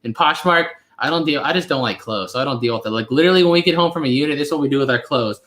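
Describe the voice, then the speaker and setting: The channel host, a man in his twenties, races along in a voice on the high side and a bit bright. He's hosting a laid-back live Q&A, rambling and leaning on lots of fillers, in a recording with roomy echo.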